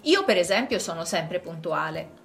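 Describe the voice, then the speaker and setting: A woman speaking in a clear, measured way in a scripted dialogue for language learners. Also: fairly low pitch, very animated, slight background noise. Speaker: dialogue partner in a language lesson.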